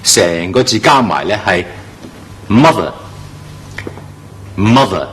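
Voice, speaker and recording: Man, english pronunciation teacher, animated pitch, emphatic, slow drawn-out model words. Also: slight background noise. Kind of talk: classroom-style pronunciation lesson.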